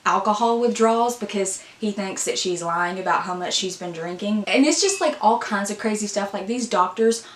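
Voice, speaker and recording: A woman's voice: mid-range voice, normal speed, few pauses. A woman talking casually to her viewers as a book vlogger, upbeat and chatty. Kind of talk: casual chat. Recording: roomy echo.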